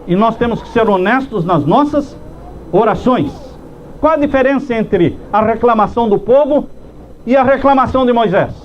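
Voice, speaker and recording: A pastor preaching a sermon slowly with emphatic pauses, acting out heartfelt prayers in his own voice. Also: very high-pitched. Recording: dull lo-fi sound with faint background noise.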